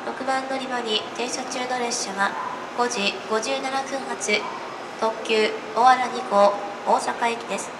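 A woman making formal, polite train station announcements over platform loudspeakers. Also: a little high, fairly even intonation, measured pace. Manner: formal, polite public-address delivery. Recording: distant echoey station PA, loud ambient noise. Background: loud train and station noise.

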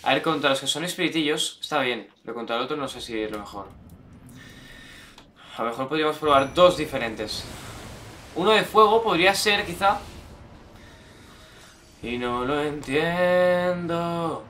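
Excitable Spanish man yelling over gameplay. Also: on the high side, normal speed, pauses often, a little hiss or hum. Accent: Spain Spanish. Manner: excitable, shouts and swears at the game. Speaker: gameplay streamer. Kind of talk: gameplay commentary.

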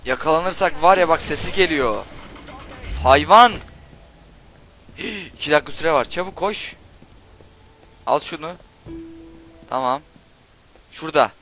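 A young man doing Let's Play commentary, swearing and shouting insults at game characters while he plays. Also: fairly high pitch, normal speed, long pauses, faint music behind. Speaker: gaming channel host.

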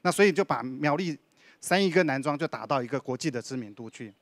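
A man's voice: mid-range voice, expressive, fast talker, dry recording. A man, a county official answering on a panel, explaining at length with many sentence particles. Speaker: deputy director of a county culture and tourism bureau.

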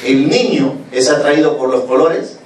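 Animated man lecturing in an echoey hall. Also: mid-range voice, a little slow. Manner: animated, questions the audience, acts out scenes. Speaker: conference speaker. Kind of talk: lecture with acted-out stories. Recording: echoey hall from far off, noisy.

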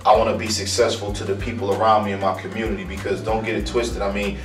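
A man in his thirties from Akron, Ohio, a barber answering interview questions in a calm, earnest way, often repeating words as he searches for them. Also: on the low side, quick pace. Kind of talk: casual interview. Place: small room indoors. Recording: roomy, distant mic, faint music.

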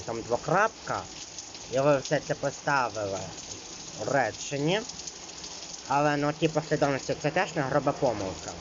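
A man of middle pitch gives an exam-prep lesson. He reads each rule and then explains it in a loose, filler-heavy way. The recording is a little dull, and faint rain is heard behind him. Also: background noise. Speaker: teacher.

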